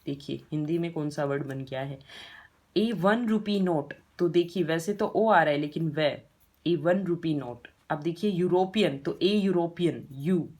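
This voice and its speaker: A woman's voice: deep voice, unhurried, darkish tone. A woman with an Indian accent teaching English grammar step by step in a patient classroom style, asking rhetorical questions as she goes.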